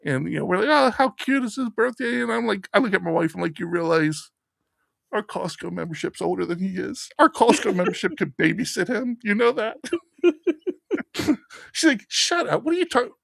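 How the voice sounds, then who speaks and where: This fifties-aged podcast co-host chats casually and tells lively stories, performing the voices of anyone he quotes. He speaks at an ordinary speed in a high-sitting, creaky voice, recorded without echo.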